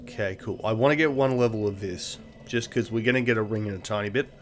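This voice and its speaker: A man with a lowish voice talks through his game run in a loose, offhand way. His humor is dry and self-mocking, and he drops the odd swear word without fuss. A faint hiss sits under his voice. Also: fast talker. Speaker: let's play host. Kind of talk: casual gameplay commentary.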